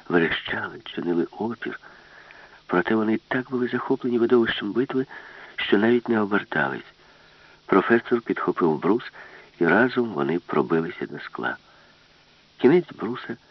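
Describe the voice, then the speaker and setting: Husky man narrating a storybook. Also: deep voice, no room sound, lo-fi sound. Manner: expressive storytelling. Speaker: audiobook narrator.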